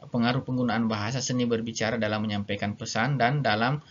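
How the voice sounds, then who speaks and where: Man, lecturer, mid-pitched voice, slow explanations, lots of fillers, somewhat dull lo-fi audio. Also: steady tone. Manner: explains slowly with many fillers and repetitions; reads English examples aloud then explains them. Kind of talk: recorded online lecture.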